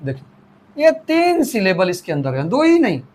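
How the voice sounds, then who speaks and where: A male teacher explaining grammar with a lively, rising and falling voice. He circles back, repeats phrases and restarts sentences. He slows right down to dictate sentences and sound out each part of a word. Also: high-pitched, a little hiss or hum. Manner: repeats and restarts, slowly spells out words and dictates English sentences. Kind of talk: classroom grammar lesson.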